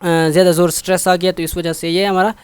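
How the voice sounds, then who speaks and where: A man's voice: high voice, level tone, a little fast, smooth, no room sound. A man explaining a textbook exercise in Urdu with English terms, patiently repeating words and checking that students follow. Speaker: teacher.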